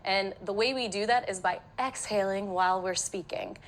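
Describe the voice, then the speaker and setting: A woman in her thirties, a voice therapist, explaining her work as a guest on a TV morning show, her voice slightly hoarse from a cold. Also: mid-range voice, normal speed, slight background noise. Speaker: voice therapist and children's author. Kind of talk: TV interview guest.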